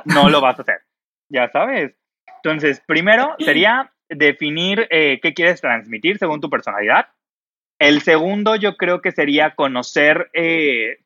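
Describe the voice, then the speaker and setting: Male image consultant, podcast host, bright forward tone, lo-fi dry recording. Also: a little high, no echo. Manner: expressive, uses many fillers like "o sea". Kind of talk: casual podcast chat.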